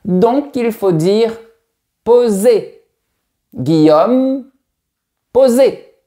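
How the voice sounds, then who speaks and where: A man's voice: sits high, big pitch swings, slow pace, a little mellow, voice pushed up, heavily acted. A man voicing a pompous elderly male creator of the French language, talking in a grand, formal, lecturing way. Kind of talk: comic teaching sketch.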